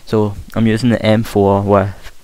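A young man with a broad Scottish accent gives casual, hesitant gameplay commentary, trying to speak clearly, on a hissy home recording. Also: lowish voice, level tone, unhurried, a little mellow, no room sound, rough recording. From Scotland. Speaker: gaming commentator. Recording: hissy home mic with faint noise. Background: game gunfire.

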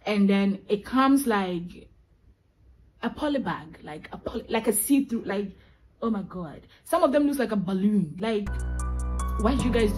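A woman's voice: a little high, a little mellow, rough recording. A young woman venting in a vlog, emphatic and exasperated, repeating her points for effect. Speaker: vlogger. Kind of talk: ranting vlog monologue.

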